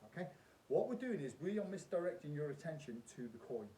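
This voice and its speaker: A man's voice: sing-song, a little fast, mellow. A man explaining a magic trick step by step as an instructor, emphatically repeating key points. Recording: roomy echo, faint rumbling noise.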